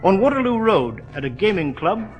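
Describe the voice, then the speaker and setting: A genteel English doctor and storyteller in a 1940s radio mystery. His voice sits quite high and is easily unnerved. Music plays faintly on the old broadcast. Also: sing-song, normal speed. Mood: measured storytelling.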